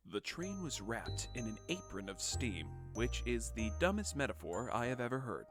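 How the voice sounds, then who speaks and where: Man, comedic parody narration, crude sarcastic asides, animated pitch, background music. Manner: crude, sarcastic asides breaking a calm reading. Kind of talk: comedic parody storybook reading.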